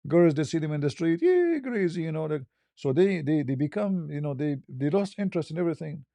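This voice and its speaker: Brisk and creaky, his fairly high voice swings widely in pitch and has a dark tone, with no echo around it. The man, who debates religion online, answers questions in casual, plain non-native English. He frequently repeats phrases and starts over.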